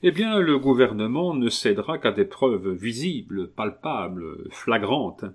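A man reading a novel aloud, voicing an earnest, persuasive gentleman who speaks in a calm, measured way. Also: medium pitch, breathy edge. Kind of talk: audiobook reading.

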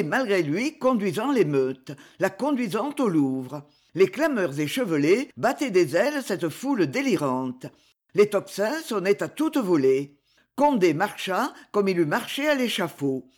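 An audiobook narrator reads a dramatic novel in an expressive storytelling manner. The pitch rises and falls a great deal, which keeps the reading animated.

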